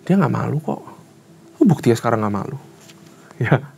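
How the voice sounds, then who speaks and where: A man's voice: mid-range voice, animated, moderate pace, vocal fry, dark tone, slightly rough. A man in his thirties teaching a Bible study as a conversational sermon, asking the congregation emphatic rhetorical questions in casual, colloquial phrasing.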